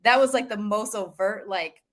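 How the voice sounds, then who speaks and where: A woman's voice: medium pitch, normal speed. A woman from the United States hosting a podcast, telling stories in casual chat and laughing often. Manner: animated storytelling, laughs often. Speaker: podcast host.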